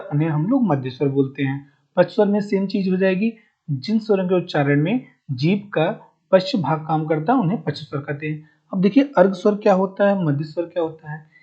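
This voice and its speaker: A male teacher giving a recorded grammar lesson. He asks his students a question, answers it himself, and repeats each definition slowly so they can take notes. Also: high voice, husky. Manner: mixes in English words, addresses viewers as guys. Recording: muffled, dull recording.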